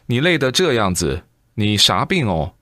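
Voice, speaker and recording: A man's voice: on the low side, big pitch swings, moderate pace, no echo, clean studio sound, exaggerated voice. A man voicing an irritated male bystander who scolds a confused stranger in a raised voice. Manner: scolding, sharp.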